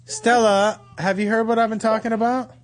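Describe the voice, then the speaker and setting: A man's voice: high voice, flat delivery, normal speed. A man hosting a casual phone-in show as a comedian, blunt and profane, repeating himself for emphasis. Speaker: talk show host, comedian.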